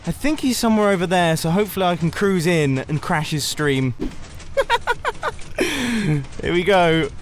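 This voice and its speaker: A man chats through his gameplay in a casual, upbeat way. His voice sits a bit high for a man, and he often laughs and trips over his own words. The commentary is loose and rambling. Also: huge pitch swings, measured pace, pauses often, noisy background. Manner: chatty and enthusiastic, laughs often; rambling with frequent restarts. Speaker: gaming YouTuber.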